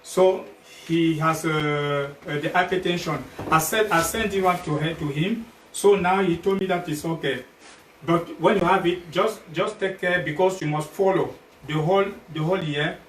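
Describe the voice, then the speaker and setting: Speaking with a Cameroonian accent, a man from Cameroon pitches health products informally on a livestream as a guest presenter and sales partner. His fairly high, slightly bright voice stumbles along, repeating and rephrasing several times. The recording is noisy and echoey, picked up from a distance.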